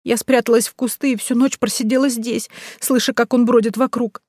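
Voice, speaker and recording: A woman's voice: a little high, moderate pace, breathy edge, no room sound, studio quality, pitched above the performer's own voice. A woman voicing a frightened teenage schoolgirl who pleads in tearful whispers.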